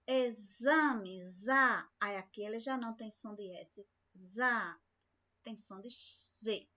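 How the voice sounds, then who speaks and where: A woman's voice: a little high, fairly bright tone, dull audio. A woman teacher giving a recorded remote lesson, patient and speaking to the class with many questions. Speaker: school teacher.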